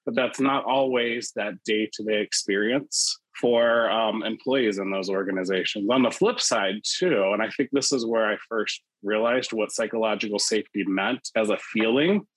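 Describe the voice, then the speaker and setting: A man who leads an employee resource group, speaking as a panelist in a live discussion and telling stories in a measured, reflective way with "you know" fillers. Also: fairly low pitch, fairly bright tone, no room sound, low-quality recording. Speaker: ERG leader, panelist.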